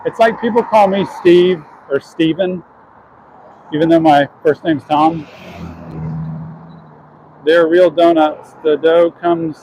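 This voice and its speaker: A man's voice: a little high, steady tone, takes it slowly, pauses often, a little mellow, a little hiss or hum, low-quality recording. A man chatting earnestly to his viewers while walking down city streets, answering questions from chat.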